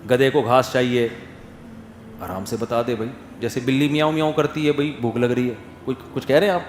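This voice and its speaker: Animated man preaching in an echoey hall. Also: mid-range voice, slight background noise. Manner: animated, rises to emphatic questions, drops to soft quotes. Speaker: Islamic scholar giving a talk. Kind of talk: sermon. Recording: echoey hall with faint ambience.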